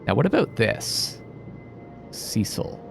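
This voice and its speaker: Over game music, a man hosts a gaming video with casual let's-play commentary, muttering, thinking aloud, and reading bits out. His fairly low voice is gravelly and sing-song, and he speaks slowly.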